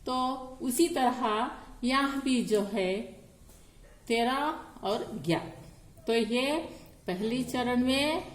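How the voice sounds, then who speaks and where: A woman's voice: fairly high pitch, roomy sound. A woman teaching a grammar lesson on poetic meter, counting syllables aloud one at a time.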